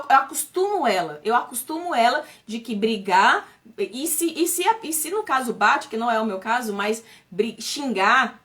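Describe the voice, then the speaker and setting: A woman's voice: fairly high pitch, a bit bright. A woman in her thirties speaking to viewers on a live stream, earnest and urgent, often restarting and repeating herself. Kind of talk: emotional personal talk to viewers.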